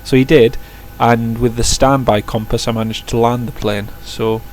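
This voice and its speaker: A man chats with his viewers during a casual flight simulator live stream, replying to chat and often correcting himself with restarted sentences. His steady, mid-range voice is a little mellow at normal speed, with a little hiss or hum in the audio.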